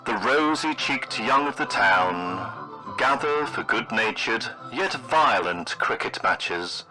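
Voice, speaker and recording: Deadpan man narrating like an old newsreel. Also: fairly low pitch, rough recording. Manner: formal, florid, deadpan delivery. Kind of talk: old newsreel narration, scripted mock travelogue. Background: music.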